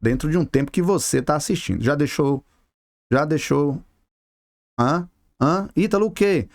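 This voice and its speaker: A man's voice: on the high side, lively intonation, normal speed, no echo, studio quality. A Brazilian man teaching a physics video lesson, chatty and talking straight to the viewer with casual slang. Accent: Brazilian Portuguese. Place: classroom with a board.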